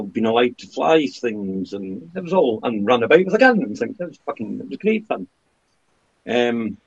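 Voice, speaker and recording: A man in his fifties from the Scottish Highlands, with a Highland accent, talking casually and candidly about things in a conversational, storytelling way. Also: creaky, slightly rough. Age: 50s. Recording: dull lo-fi sound.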